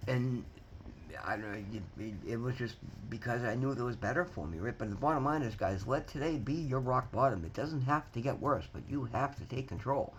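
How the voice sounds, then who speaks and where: A man in his fifties speaks earnestly to his viewers in a casual, heartfelt motivational talk. His voice sits at a middle pitch, and he often trips over and repeats words before pressing on, with faint background noise in the recording. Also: brisk, low-quality recording. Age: 50s. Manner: earnest, rambling, repeats words and restarts, often says "guys". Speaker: vlogger sharing recovery story.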